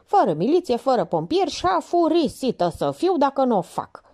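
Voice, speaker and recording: Woman reading as a bossy storybook policewoman, loud and scolding, high and animated. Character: bossy sharp-tongued woman police officer.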